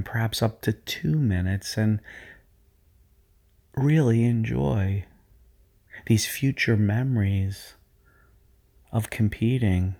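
Soothing, gravelly-voiced man guiding a visualization. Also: on the low side, warm tone. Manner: slow, soothing, hypnotic delivery. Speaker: sports performance coach. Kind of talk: guided visualization script for athletes.

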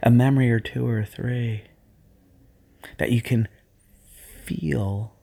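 A middle-aged man leading a guided hypnotic visualization for athletes, speaking in hushed, soothing, repetitive phrases. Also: medium pitch, steady tone, takes it slowly, vocal fry.

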